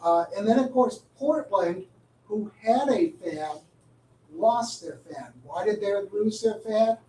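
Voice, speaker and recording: A man giving an informal briefing at a county board meeting, halting with many fillers and wry asides. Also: sits high, expressive, a little mellow, a little hiss or hum. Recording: echoey room, distant mic.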